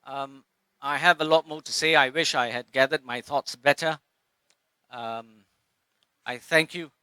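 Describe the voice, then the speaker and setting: A Singaporean man giving an impassioned public speech at a rally, with halting pauses and restarts. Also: on the high side, pushed and bright, clean tone, dry recording.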